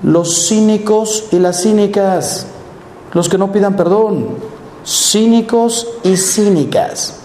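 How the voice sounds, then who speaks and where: A Mexican man in his fifties preaches to a live audience with a mellow, warm tone and slightly raised pitch. He tells lively stories full of rhetorical questions and acts out other people's voices. The sound carries in a roomy hall with faint ambience behind it. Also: a little hiss or hum. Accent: Mexican Spanish. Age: 50s. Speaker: priest. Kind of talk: conference talk to a live audience.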